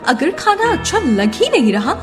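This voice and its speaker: Spoiled, shrill rich young daughter-in-law. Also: female voice, very animated, moderate pace. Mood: indignant. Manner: brash, boastful, argumentative. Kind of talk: Hindi animated moral-story acting. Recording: long reverb, loud background music.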